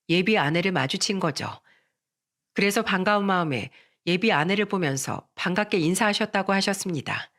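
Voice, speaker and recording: Calm first-person story narrator. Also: mid-range voice.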